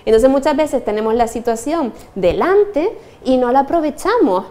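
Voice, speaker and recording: A woman's voice: sits high, expressive, moderate pace, mellow. A young adult woman teacher, explaining her views in an interview and laughing often. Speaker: German teacher.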